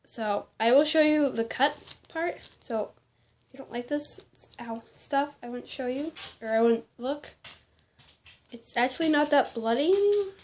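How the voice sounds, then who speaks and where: A woman's voice: high voice, measured pace, darkish tone. A teenage girl telling a rambling, indignant story in a casual vlog. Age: teens. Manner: rambling, indignant, with quoted exchanges. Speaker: vlogger.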